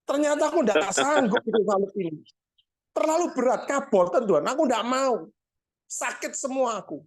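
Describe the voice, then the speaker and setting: A man putting on a high whiny East Javanese complainer. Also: animated, normal speed. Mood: whining. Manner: pleading, whining, repeating complaints. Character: whiny man complaining his cross is too heavy. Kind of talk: sermon illustration.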